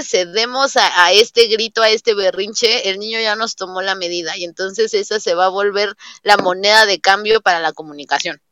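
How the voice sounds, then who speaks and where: A woman's voice: medium pitch, dry recording. A young woman with a Mexican accent, a teacher, talking casually in an interview and acting out the dialogue in her stories. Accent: Mexican Spanish. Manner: animated storyteller, acts out quoted dialogue. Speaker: guest, early childhood teacher.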